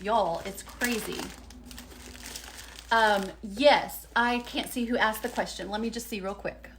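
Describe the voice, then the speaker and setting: A woman's voice: fairly high pitch, steady tone, a little slow, fairly bright tone, a little hiss or hum. A woman, chatting upbeat and folksy with viewers during a live unboxing at home. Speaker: lifestyle vlogger.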